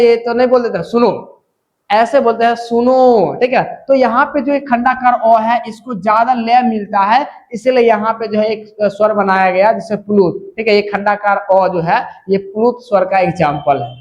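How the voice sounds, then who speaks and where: A man teaching a Hindi grammar lesson, repeating key terms slowly and checking in often with the class. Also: sits high, fairly even intonation. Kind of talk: classroom lecture.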